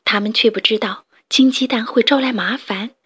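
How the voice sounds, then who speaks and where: A woman storyteller reading a children's story aloud in a gentle, expressive way. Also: a little high, normal speed, slightly rough, no room sound.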